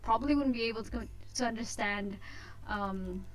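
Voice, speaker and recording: A woman's voice: on the high side, normal speed, low-quality recording. Hesitant woman hosting a casual let's play. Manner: hesitant, self-conscious about voice acting. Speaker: host of a visual novel let's play. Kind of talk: casual let's play chat with read-aloud narration.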